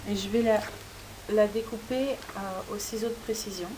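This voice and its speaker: A woman hosting a crafting tutorial, explaining each step as she works, often pausing with hesitant fillers. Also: mid-range voice. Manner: hesitant, frequent "euh" fillers while working. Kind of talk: step-by-step demonstration. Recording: steady tape-like hiss.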